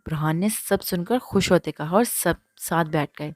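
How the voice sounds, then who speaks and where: Low-voiced woman reading a novel aloud. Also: dry recording, clean studio sound. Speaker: audiobook narrator.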